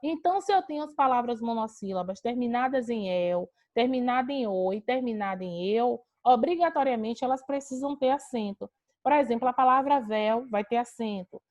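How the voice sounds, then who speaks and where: A woman's voice: on the high side, lively intonation, a little fast, darkish tone. A woman from Brazil teaching an online grammar class over a video call, explaining step by step and asking and answering her own questions.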